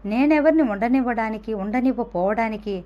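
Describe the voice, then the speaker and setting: Curt blunt brother guy, woman reading him, short sharp comebacks, dull lo-fi sound. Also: on the high side, brisk, natural voice. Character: grown man, blunt, curt elder brother.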